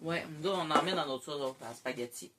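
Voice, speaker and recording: A woman's voice: deep voice, moderate pace, heavy background noise. A woman with a Québécois French accent casually hosting a snack tasting, munching chips as she talks. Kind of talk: casual chat, food tasting.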